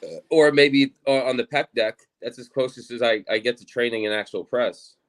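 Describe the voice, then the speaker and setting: A man chatting casually as an athlete, in a halting, repetitive way with lots of filler words. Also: medium pitch. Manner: halting, repeats himself, fills with "like". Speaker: arm wrestling competitor. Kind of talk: casual chat on a live stream.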